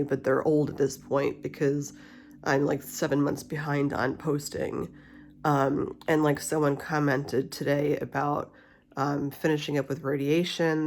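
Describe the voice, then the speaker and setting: A middle-aged woman with a slight lisp from wearing a retainer, chatting candidly and ramblingly in a casual personal vlog. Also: low-pitched. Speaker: vlogger. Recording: steady humidifier hiss and faint spa music. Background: cool mist humidifier, soft spa music.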